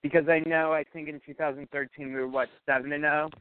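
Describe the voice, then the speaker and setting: A man's voice: fairly high pitch, flat delivery, fast talker, clear, resonant tone, dry recording. A man calling in to a sports show over the phone, asking eager, rambling questions. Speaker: caller. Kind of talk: sports call-in chat. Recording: tinny phone line.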